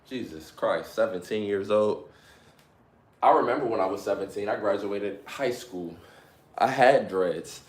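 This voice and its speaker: Upbeat young man with a low voice. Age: 20s. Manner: upbeat, hyped, slangy and motivational. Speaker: livestreamer. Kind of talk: casual live-stream chat. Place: at home during a workout.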